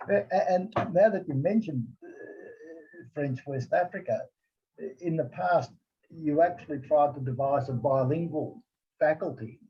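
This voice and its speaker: A man's voice: a little high, highs cut off. A man interviewing a guest over a video call, often restarting his sentences and stammering before his questions. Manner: halting, many restarts and stammered starts.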